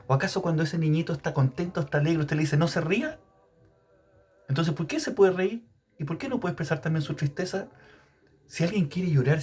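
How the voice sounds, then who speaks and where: A male preacher gives a Gospel reflection in a very husky, breathy voice. His pitch rises and falls a great deal as he asks questions and draws out his key words. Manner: expressive, questioning, drawn-out emphasis. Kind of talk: sermon-style Gospel reflection.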